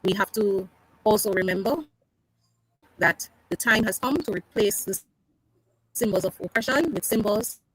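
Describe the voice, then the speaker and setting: A woman's voice: medium pitch, normal speed, pauses often, breathy edge, poor audio. Woman on a glitchy internet call. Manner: rhetorical, speech-like, repeating phrases for emphasis. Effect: glitchy call audio that breaks up and drops out. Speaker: guest panelist. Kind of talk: impassioned closing remarks on a talk show. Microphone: remote video call. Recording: buzzy, choppy internet call audio.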